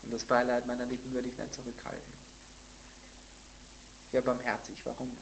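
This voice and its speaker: A man teaching a Bible sermon in a conversational way, with blunt asides, who grows louder and higher when he reads scripture quotes. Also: monotone, normal speed, slight background noise, rough recording. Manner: emphatic, rising in pitch and volume when reading scripture quotes. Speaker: preacher.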